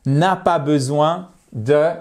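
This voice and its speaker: A man teaches English on video, speaking in an unhurried way. His voice sits a little high for a man. He says example phrases slowly and carefully, with questions rising at the end, then explains how they sound. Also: a little mellow. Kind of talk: video lesson.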